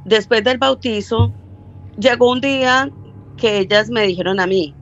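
A woman's voice: on the high side, a little slow, a bit bright, dull audio. An older woman with a Colombian accent from Medellín, telling a story as a caller in a rambling way and acting out quoted lines. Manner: rambling, self-correcting, acts out quoted dialogue. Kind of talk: casual storytelling.

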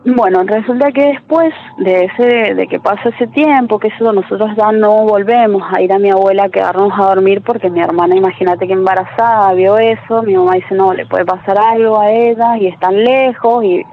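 A woman's voice: mid-range voice, fairly even intonation, moderate pace, hardly any pauses. A woman, a caller telling a true story in a chatty way with lots of tag questions. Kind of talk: casual storytelling. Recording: tinny phone line with faint noise.

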